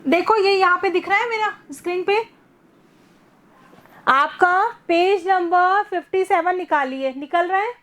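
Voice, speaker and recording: A woman teaching a first-grade class online, patiently repeating words slowly for young children. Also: very high-pitched, a bit bright. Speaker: primary school teacher.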